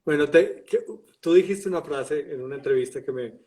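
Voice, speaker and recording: A man interviewing a guest, slowly restating the guest's ideas with pauses and hesitations. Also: a little high, a little mellow, far from the mic, rough recording. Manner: thoughtful, hesitant, paraphrasing the guest.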